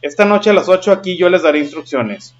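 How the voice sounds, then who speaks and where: A man's voice: high-pitched, fairly quick, highs cut off, voice pushed up, lightly acted. A man reading as a friendly night watchman. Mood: inviting. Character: adult male night watchman recruiting kids.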